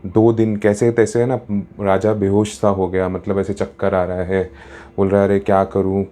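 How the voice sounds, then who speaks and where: A man's voice: on the low side, level tone, moderate pace, warm tone. A man telling a story in a casual, chatty way, mixing in English words, as a storyteller and happiness coach.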